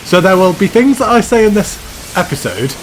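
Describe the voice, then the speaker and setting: A man's voice: high voice, very animated, moderate pace, a little hiss or hum, low-quality recording. A man hosting a gaming channel, giving a chatty, self-mocking commentary voice-over and laughing at himself. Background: background music.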